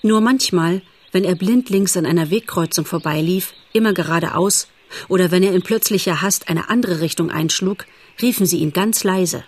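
A woman narrating a children's animal story in a calm, measured audiobook style. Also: fairly low pitch.

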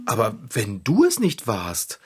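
A man playing an excitable, touchy bicycle tinkerer in a children's radio play, bickering and teasing defensively. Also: lowish voice, a little slow, a little hiss or hum.

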